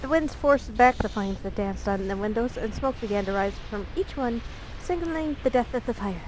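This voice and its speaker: A woman narrating a visual novel let's play aloud, her voice slightly high. She reads the story playfully and keeps breaking off for jokey asides. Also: animated, normal speed, a little mellow, slight background noise, rough recording.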